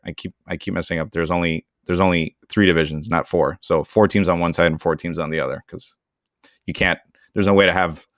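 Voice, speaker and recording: A man's voice: low voice, fairly even intonation, fairly quick, dry recording, clean studio sound. A young man from Venezuela, co-hosting a podcast, explaining at length in a casual, rambling way. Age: young adult. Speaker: podcast co-host. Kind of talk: casual chat.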